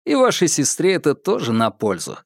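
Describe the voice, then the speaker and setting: A man voicing a calm young man with a dry, mocking manner in an audiobook. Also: fairly high pitch, brisk, dry recording, heavily acted. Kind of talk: audiobook character voice.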